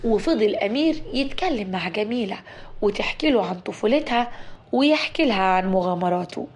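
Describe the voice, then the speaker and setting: A woman with an Egyptian accent narrating a dramatic story in a steady voice. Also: medium pitch, fairly quick. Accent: Egyptian Arabic.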